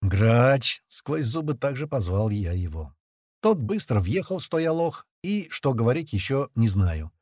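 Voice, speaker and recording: Husky man narrating a crude action audiobook. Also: medium pitch, normal speed, no room sound, clean studio sound. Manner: coarse, slangy, expressive storytelling. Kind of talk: first-person audiobook narration.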